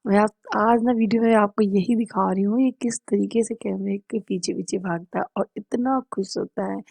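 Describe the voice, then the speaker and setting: A woman's voice: medium pitch, steady tone, normal speed, creaky, darkish tone. A woman in her thirties from India, narrating a casual home vlog and chatting straight to her viewers. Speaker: family vlogger. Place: at home indoors.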